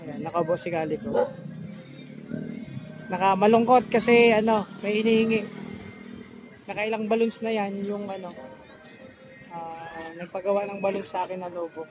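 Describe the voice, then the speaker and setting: A man's voice: high voice, steady tone, moderate pace, pauses often, over music. A man vlogging outdoors by the seaside, teasing and coaxing a child with playful questions. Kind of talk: casual vlog narration.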